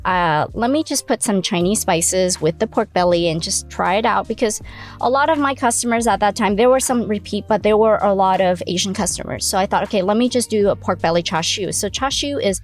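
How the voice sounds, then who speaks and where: A woman born in Malaysia talks through her story in a relaxed interview, her voice at a middle pitch for a woman. She tells it animatedly and slips into her own remembered lines. Faint music sits under her voice. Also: brisk. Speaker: restaurant owner, pitmaster. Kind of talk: casual interview chat.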